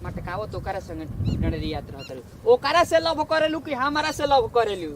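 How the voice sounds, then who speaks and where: A man's voice: very high voice, very animated, moderate pace, full character voice. A man playing a jealous, sulking young boyfriend in an amateur comedy skit, complaining insistently in a Bhojpuri accent. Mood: accusing. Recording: noisy outdoor recording.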